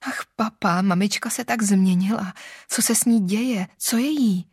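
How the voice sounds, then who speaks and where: A woman's voice: mid-range voice, a little mellow, husky, no room sound, studio quality. A woman reading the lines of an anxious young daughter who pleads in a tearful voice.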